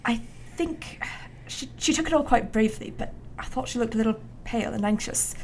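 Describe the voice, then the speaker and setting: A woman's voice: fairly high pitch, brisk, a little mellow, a little hiss or hum, close to an everyday voice. A woman playing an anxious, courteous male Victorian doctor in a radio play, formal and a little hesitant. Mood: uneasy.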